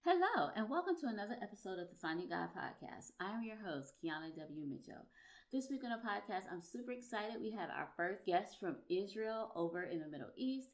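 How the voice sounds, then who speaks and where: A woman's voice: mid-range voice, sing-song, fairly quick. Female podcast host, upbeat and emphatic, introduces and interviews guests. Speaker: podcast host and relationship coach.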